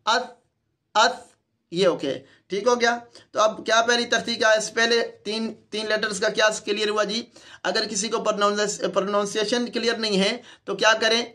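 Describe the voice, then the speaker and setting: A man with a Pakistani Urdu accent teaches letter pronunciation in an online lesson, speaking into a close mic. His voice sits high and carries a bright edge. He repeats each sound patiently for demonstration. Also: steady tone. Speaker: Quran teacher.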